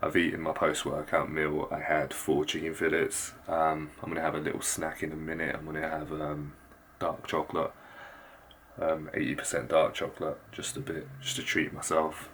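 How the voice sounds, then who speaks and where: A man keeping his voice very low and hushed, talking casually to viewers in a home vlog. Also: completely flat delivery, moderate pace, a little hiss or hum. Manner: very low, hushed voice so as not to wake others. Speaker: fitness vlogger and host. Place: indoors at home at night.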